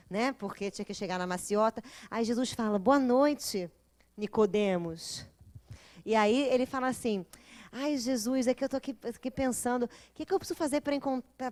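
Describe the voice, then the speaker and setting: A Brazilian woman with a Brazilian Portuguese accent giving an informal, humorous classroom lecture, acting out the voices of the people in her stories. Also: fairly high pitch. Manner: animated and humorous, acts out quoted voices. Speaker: lecturer of a spiritist psychology course.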